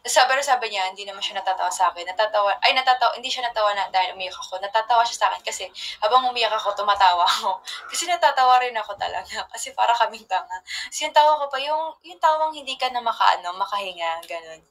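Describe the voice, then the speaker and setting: A young woman casually chatting on a livestream from her phone, telling rambling stories with soft trailing asides. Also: medium pitch, rapid-fire, slight background noise, rough recording.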